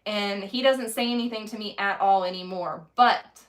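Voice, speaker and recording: A woman's voice: mid-range voice, moderate pace. A woman, a mother of five chatting candidly in a casual home vlog, rambling and self-deprecating. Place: home kitchen.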